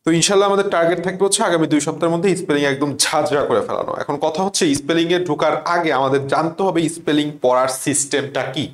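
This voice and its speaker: A man's voice: fairly high pitch, reverberant. A young man tutoring for an admission exam, drilling points by asking and answering his own questions. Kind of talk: online lesson.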